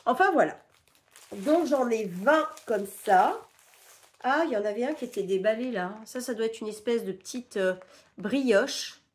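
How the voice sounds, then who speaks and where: Chatty French woman, a little high-pitched, sick and stuffy, casual haul talk at home. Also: lively intonation, unhurried. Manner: chatty, rambling, many fillers. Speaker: vlogger showing a shopping haul. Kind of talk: casual haul chat to camera.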